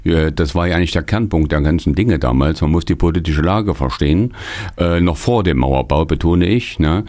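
An older man from Thuringia with an extremely deep bass voice, recalling his life as a studio guest in a conversational way, often adding short tag questions. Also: fairly quick, darkish tone. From Thuringia, Germany. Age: older, born in 1944. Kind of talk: conversational recollection. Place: radio or podcast studio.

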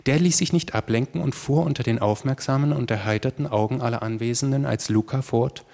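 A man narrating a literary story in a measured storyteller manner. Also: medium pitch, gravelly, darkish tone. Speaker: audiobook narrator. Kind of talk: scripted narration.

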